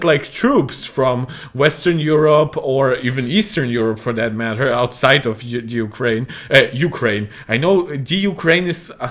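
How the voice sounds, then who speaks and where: This Moldovan tech channel host, a chatty young man who speaks Russian natively, has a voice on the high side. In a casual monologue of commentary, he wanders along, correcting himself often and using plenty of fillers.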